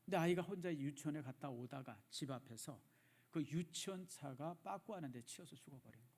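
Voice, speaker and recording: A middle-aged male pastor preaching in a church, emotive, dropping from loud emphasis to hushed, near-whispered repeats. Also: on the high side, expressive, brisk. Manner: addresses the congregation directly, repeats phrases for emphasis. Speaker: senior pastor. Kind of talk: sermon. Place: church sanctuary.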